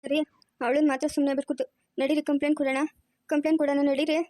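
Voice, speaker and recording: A woman voicing a loud, frantic grandmother who scolds and wails, with a rural Chikkaballapur Kannada accent. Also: high voice, flat delivery, rapid-fire, no echo, clean studio sound, lightly acted. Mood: pleading. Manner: scolding, wailing. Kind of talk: cartoon voice acting.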